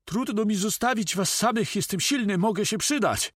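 A man's voice: high-pitched, moderate pace, a bit bright, husky, no room sound, clean studio sound, pitched above the performer's own voice. A man voicing a strong, loyal male pirate crewman who speaks eagerly and earnestly. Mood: pleading.

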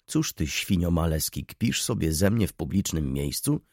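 A man's voice: low-pitched, big pitch swings, normal speed, darkish tone, no room sound, clean studio sound, exaggerated voice. A man voicing a gloomy, gaunt young student in an audiobook, grumbling sulkily. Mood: sulky. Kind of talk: audiobook reading.

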